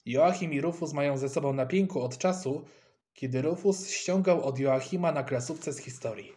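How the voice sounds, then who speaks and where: A man reading a children's story aloud in a playful, expressive way. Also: a little high, normal speed. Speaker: audiobook narrator. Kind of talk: scripted storybook narration.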